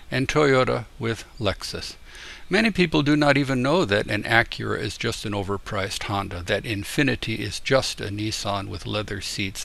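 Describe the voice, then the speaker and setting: An older man from the United States reading a letter aloud in a deliberate, explanatory way. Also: lowish voice, creaky, fairly bright tone. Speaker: tutor and YouTuber.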